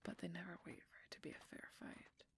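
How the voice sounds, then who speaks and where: A woman speaks at a quick pace in a natural voice, playing a guarded, brooding female werewolf knight in a fantasy audio roleplay. She is terse and wry, often murmuring in a whisper.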